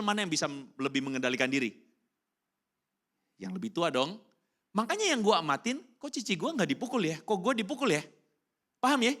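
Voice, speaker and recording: A man preaching a casual youth sermon in speech, slangy and animated, keeping up a run of rhetorical questions to the congregation. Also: a little high. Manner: animated, keeps asking the crowd rhetorical questions; slangy and informal, breaks into English phrases. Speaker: youth pastor. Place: church hall during a service.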